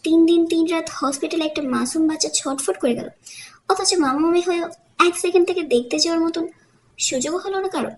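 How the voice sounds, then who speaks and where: A woman's voice: very high-pitched, fairly quick, darkish tone. A woman voicing a proud young wife who scolds her family in cutting, bitter tones, in a romantic audiobook.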